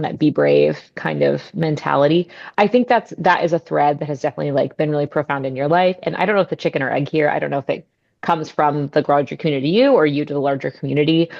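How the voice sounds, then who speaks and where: A woman's voice: sits low, creaky, darkish tone, lo-fi sound. A woman hosting a podcast interview, reflecting at length in a casual way. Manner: thoughtful, rambling reflections. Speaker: podcast host.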